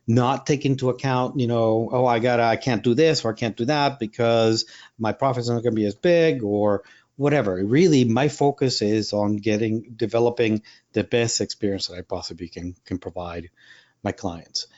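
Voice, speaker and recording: In a lo-fi recording, a man from Puerto Rico who speaks Spanish talks casually in an interview, filling it with fillers and restarts as he rambles. He's a wildlife photographer and workshop leader with a mid-range, slightly mellow voice at a moderate pace.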